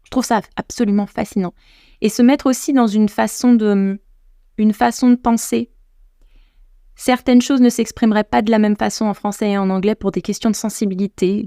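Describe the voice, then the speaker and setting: A French woman hosts a podcast in a medium-pitched, dark voice, and the recording is dry and studio-clean. She's casual and enthusiastic, speaking straight to her listeners.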